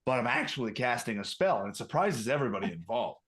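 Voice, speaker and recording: A man playing in a tabletop game, joking and animated as he describes his character's actions. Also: mid-range voice, fast. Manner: animated and joking, with lots of restarts. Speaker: player. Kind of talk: casual tabletop play.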